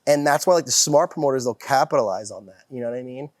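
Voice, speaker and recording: A man's voice: medium pitch, quick pace, no room sound, clean studio sound. A man guest talking in a casual podcast chat about nightlife work, rambling with restarts and swearing freely. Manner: rambling, profane, many restarts.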